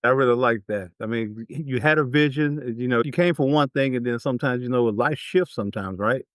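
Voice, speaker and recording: A podcast host with a brisk, medium-pitched voice, recorded cleanly in studio quality with no echo, reads a formal introduction of his guest. He then moves into questions, staying upbeat and encouraging throughout the interview.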